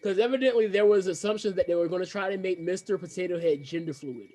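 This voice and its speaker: A man's voice: sits high, quick pace, warm tone. A man co-hosting a podcast in casual chat, opinionated and rambling with restarts. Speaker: podcast co-host.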